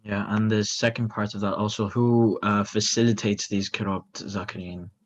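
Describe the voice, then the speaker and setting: A man's voice: lowish voice, little pitch movement, normal speed. A man moderating a session, reading audience questions aloud in a hesitant way with many fillers. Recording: dull lo-fi audio.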